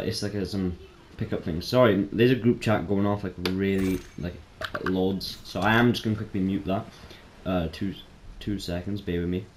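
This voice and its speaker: A man giving casual, chatty let's-play commentary as a game streamer, excitable and prone to sudden startled yelps. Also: lowish voice. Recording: roomy echo, faint noise.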